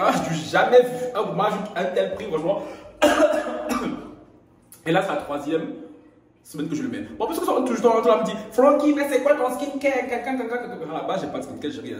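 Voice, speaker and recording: A young man with a high voice chats in a gossip vlog, playful and quick to laugh, his pitch leaping around as he talks. He records himself on a phone in his bathroom, and the hard walls make the sound ring with heavy echo. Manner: playful, laughing often, animated swings in pitch. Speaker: gossip YouTuber. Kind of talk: casual vlog chat. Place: echoey bathroom at home. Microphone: camera or phone while doing skincare. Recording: very echoey room.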